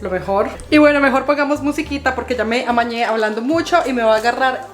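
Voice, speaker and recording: Vlogger, woman, 30s; bright-pitched and earnest, speaking straight to the viewer; roomy echo, faint music bed. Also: fast. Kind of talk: casual vlog talk to camera.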